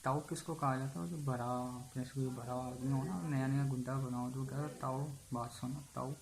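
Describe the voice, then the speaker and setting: A man with a Pakistani Urdu accent teaching chemistry, slowly chanting memory phrases syllable by syllable. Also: mid-range voice, creaky. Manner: slow, even delivery, chants mnemonic phrases syllable by syllable. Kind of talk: classroom-style lesson with memory tricks. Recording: echoey room, faint background hum.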